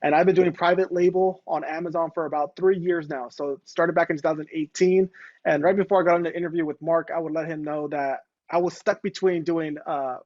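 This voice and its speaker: A man in his late twenties, a guest on a casual video interview, talking in a relaxed way with many fillers. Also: on the high side, a little fast, no room sound, highs cut off. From Los Angeles. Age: 20s. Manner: relaxed, fillers like "going ahead". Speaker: guest entrepreneur.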